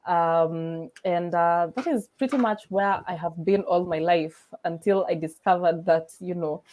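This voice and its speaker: A woman's voice: lowish voice, unhurried, darkish tone, poor audio. Kenyan woman, young adult, guest chat, frequent laughs, video call. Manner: laughs often, mixes in Swahili. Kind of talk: casual interview chat.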